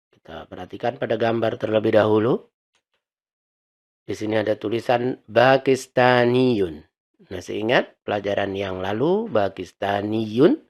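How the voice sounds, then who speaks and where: A man teaching an Arabic lesson, patiently explaining words and repeating them slowly. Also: fairly low pitch, a little mellow, dull audio.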